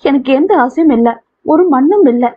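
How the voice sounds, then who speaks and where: A woman's voice: sits high, expressive, moderate pace. A woman reading the part of a proud, hurt young woman who speaks defiantly and indignantly. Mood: sulking. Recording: tinny phone-like audio.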